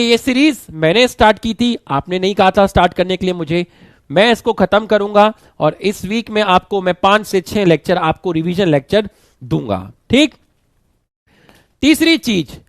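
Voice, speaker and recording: A man with a sore throat giving a brisk online revision lecture, urging his students to hurry along. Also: sits high, no echo. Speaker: online teacher.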